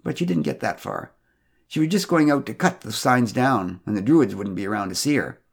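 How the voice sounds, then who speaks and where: A man's voice: mid-range voice, creaky, husky, full character voice. A man voicing a long-suffering older husband neighbor in a storybook podcast. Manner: urgent, raised and apologetic.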